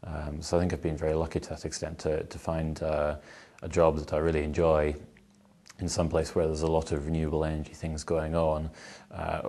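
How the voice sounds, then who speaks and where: A man's voice: rumbling low, completely flat delivery, brisk, mellow. A man answering casually as an interviewee, with a tentative, hedging way of talking. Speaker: vox pop interviewee.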